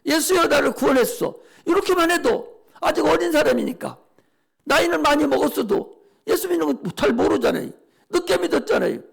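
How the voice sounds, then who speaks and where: An older male pastor preaching a sermon with urgency. He repeats and shouts a prayer, then scolds the listeners informally. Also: very high voice, lively intonation, a little fast, creaky.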